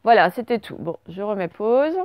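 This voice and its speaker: A French woman teacher giving a slow dictation lesson to young children, stretching out words and spelling letters. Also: mid-range voice, expressive, clean tone, no echo, dull audio. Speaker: primary school teacher.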